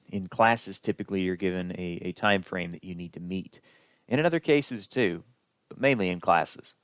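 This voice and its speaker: A man with a very low voice lectures on public speaking in a steady, explanatory way. The recording is dry and close, with no room sound. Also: no room sound. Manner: explanatory, unhurried, with occasional fillers. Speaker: instructor.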